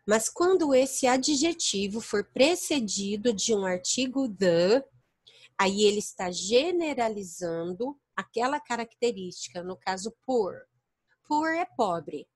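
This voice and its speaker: An English teacher with a Brazilian Portuguese accent leads an online class from home, speaking slowly in an expressive, slightly rough voice that sits on the high side, with no echo. She goes through points step by step and checks that her students understand.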